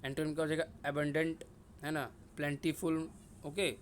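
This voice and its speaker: A young man from India gives a casual Hindi vocabulary lesson for exam prep, using memory tricks, repeating each word and quizzing himself aloud. His voice is on the high side and flat, at a moderate pace, with slight background noise.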